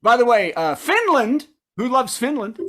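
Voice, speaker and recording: A comedian hosts with a late-night monologue of punchy jokes. The voice sits at a middling pitch, between a typical man's and woman's range. News-style setups lead into punchlines, broken up by asides to the listeners. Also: sing-song, moderate pace, crowd noise. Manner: sets up news items then delivers punchlines, with asides to the audience. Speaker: comedian host of a virtual comedy show.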